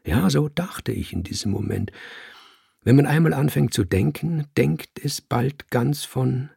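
A man narrating a storybook in the first person, calm and measured. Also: mid-range voice, vocal fry, slightly rough, no room sound, clean studio sound. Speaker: audiobook narrator.

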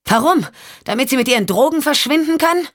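A woman voicing a tough young female investigator in an audiobook, talking in a sharp, raised, confrontational voice. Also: fairly low pitch, moderate pace, husky. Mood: angry, challenging. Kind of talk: audiobook character voice.

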